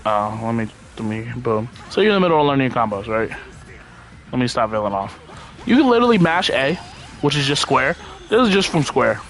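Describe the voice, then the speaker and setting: A man with a mid-pitched voice talks through a game as a streamer, with music playing behind him. He is laid-back and rambling, thinking aloud in casual slang with plenty of swearing. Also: very animated, brisk, fairly bright tone, rough recording. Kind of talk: casual gameplay commentary.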